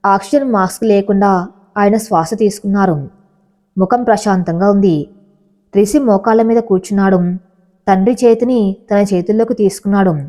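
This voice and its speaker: A woman narrating an emotional love story in a steady, measured way. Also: mid-range voice.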